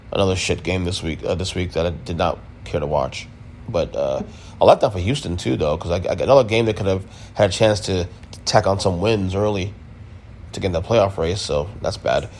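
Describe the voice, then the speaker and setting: A man's voice: sits low, a little fast, a little hiss or hum. A man hosting a sports podcast, giving a casual, emphatic recap with blunt opinions and repeated points. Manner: emphatic, opinionated, repeats himself, mild swearing.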